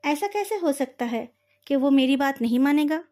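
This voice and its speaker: A woman's voice: sits high, lively intonation, moderate pace, a little mellow. A woman voicing a falsely polite, scheming male sect leader in a storybook retelling. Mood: smug. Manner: polite but threatening.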